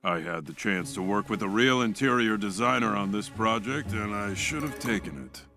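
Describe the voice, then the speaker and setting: A man voicing a dry-witted male pet hamster sidekick in a cartoon, talking in a deadpan, sarcastic way over music. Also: on the low side, normal speed, close to an everyday voice. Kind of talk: cartoon voice acting. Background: background music.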